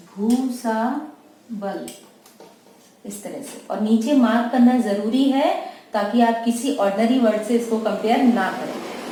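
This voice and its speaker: A woman teaching shorthand, slowly and patiently explaining each word. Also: a little high, dark tone. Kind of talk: slow dictation-style shorthand lesson. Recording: echoey room, mic far off, faint noise.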